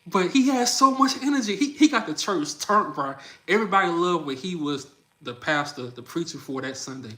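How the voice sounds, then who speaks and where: High, sharp and animated, a Louisiana livestream host in his thirties talks briskly as he reacts to comments, chatting loosely and energetically and often calling people "bro."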